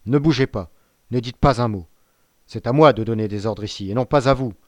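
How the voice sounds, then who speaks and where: A man's voice: mid-range voice, normal speed, darkish tone, dry recording, lightly acted. A man playing a stern, anxious magistrate in a storybook reading, commanding and tense, hiding a secret behind firm orders. His mid-range voice sits close to the mic in a dry, dead-sounding recording. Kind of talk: audiobook character voice.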